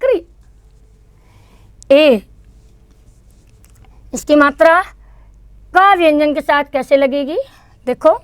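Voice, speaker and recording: A woman's voice: sits high, takes it slowly, long pauses, dry recording. A woman teaching kindergarten children in an online lesson, patiently repeating each sound for them to say back. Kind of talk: online lesson teaching Hindi vowel signs.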